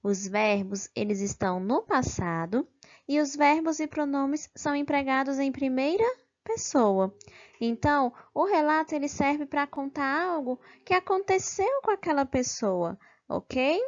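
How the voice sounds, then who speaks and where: Woman teacher reviewing grammar, slow and deliberate, dull lo-fi recording. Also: high voice, animated. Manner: slow and careful, stresses syllables, checks in with "ok?".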